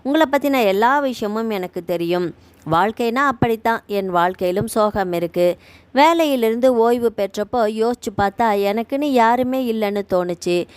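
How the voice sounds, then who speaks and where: A woman voicing a kindly retired man who runs a care home; he talks gently and reassuringly. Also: fairly high pitch, lively intonation, normal speed, clean tone, no room sound, lightly acted.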